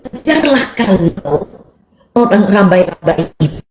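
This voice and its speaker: A woman's voice: medium pitch, very animated, noisy background. An older woman lecturing in an online religious debate, her audio choppy and cutting out over the call. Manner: slow, emphatic lecturing with Arabic terms. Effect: choppy breaking-up online call audio. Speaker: debate speaker.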